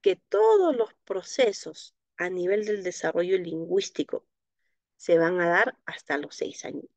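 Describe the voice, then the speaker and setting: A woman's voice: on the low side, animated, a little slow, no room sound. A woman teaching a live online class on child speech, explaining patiently and checking in with a frequent "¿no?", in Latin American Spanish. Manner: explanatory, frequent tag "¿no?", soft diminutives. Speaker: speech therapy instructor. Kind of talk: live online class, answering viewer questions.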